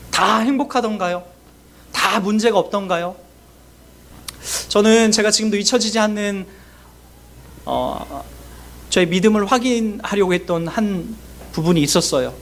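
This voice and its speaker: A man's voice: sits high, moderate pace, long pauses, fairly bright tone. A middle-aged man preaching a sermon as pastor, earnest and emotional, acting out quoted voices.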